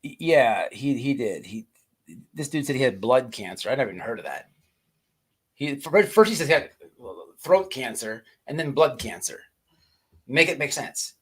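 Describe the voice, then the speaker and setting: A man hosts a casual livestream, ranting and chatting with viewers in profane slang and often stammering and repeating himself. His voice is medium-pitched, animated and a little rough, at a normal speed.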